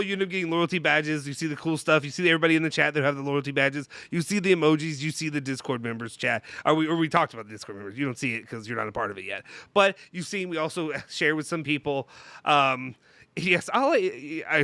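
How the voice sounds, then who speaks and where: A man with a congested, nasal sound and a bright, forceful delivery talks very quickly. He hosts a casual live stream, rambling and poking fun at himself in a dry, close recording. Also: a little high, no room sound. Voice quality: nasal, blocked-nose sound. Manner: jokey, rambling, self-deprecating. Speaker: YouTube channel host.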